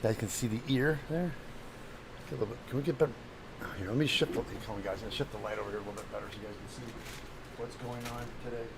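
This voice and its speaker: A slightly hungover man with a phlegmy throat, hosting a casual craft livestream in a halting, distracted, apologetic way while he works and chats to viewers. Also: mid-range voice, gravelly, noisy background. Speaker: livestream host, craft demonstrator.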